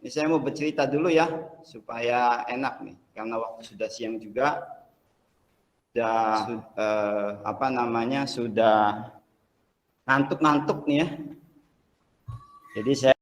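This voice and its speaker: A male teacher leading a class in a relaxed, chatty way, full of fillers, telling the students a story. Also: mid-range voice, a little slow, long pauses, big-room sound, poor audio.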